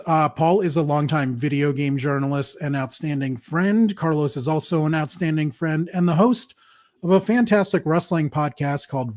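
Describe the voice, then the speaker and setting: A man's voice: on the high side, a little mellow. Chatty man hosting a live show. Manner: chatty, laughs often, jokes. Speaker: podcast host. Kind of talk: casual livestream chat.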